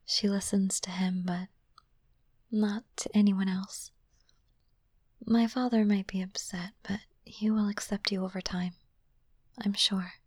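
A woman voicing a gentle, caring young princess and future queen, speaking in a slow, soothing whisper close to the microphone. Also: mid-range voice, steady tone, no room sound, natural voice. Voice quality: soft unvoiced whisper. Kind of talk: whispered ASMR roleplay.

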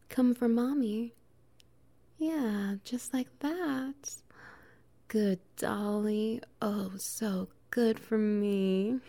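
A woman performs an intimate audio roleplay, speaking softly and teasingly and drifting into whispers and low laughter.

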